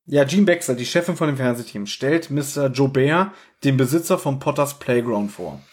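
A man's voice: medium pitch, lively intonation, normal speed. A man co-hosting a podcast, chatting casually and jokingly with strong opinions about a radio play. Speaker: podcast co-host.

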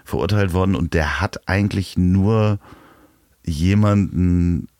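A man's voice: deep voice, takes it slowly, darkish tone, dry recording, clean studio sound. A man hosting a casual interview and asking curious, probing questions.

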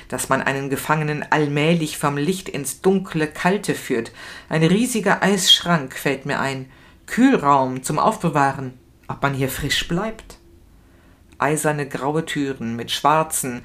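A woman reading a novel aloud in the first person, expressive and emotional, moving between fear and anger. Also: low-pitched. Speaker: reader.

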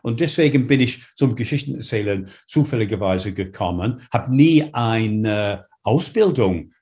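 A man's voice: lowish voice, animated, unhurried, a little mellow. A man from England with an English accent, a native English speaker, answering interview questions as a storyteller, hesitant and full of fillers while he searches for words.

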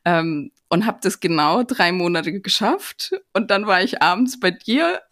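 A woman's voice: on the low side, lively intonation, measured pace, a bit bright. A woman, hosting a casual podcast interview and chatting in a storytelling way. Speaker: podcast host.

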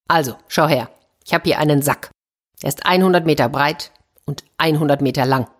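A woman voicing a bossy, blustering old king in a children's story, with a low, husky voice. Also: fairly quick. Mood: commanding. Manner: bossy, exclaiming, theatrical.

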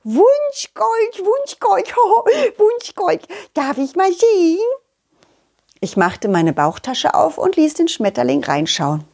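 Woman putting on a squeaky, giddy storybook butterfly. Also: sing-song, vocal fry, a little mellow, full character voice. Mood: delighted. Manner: giddy, repeats words, drawn-out squeals. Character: excitable chatty male butterfly, suddenly very loud.

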